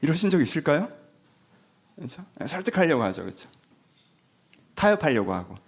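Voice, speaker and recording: A man preaches a Sunday sermon in a conversational, animated way. His voice sits a little high and rises and falls a great deal. He keeps asking the congregation questions and slips into acted-out dialogue. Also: fairly quick, slightly rough. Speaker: pastor.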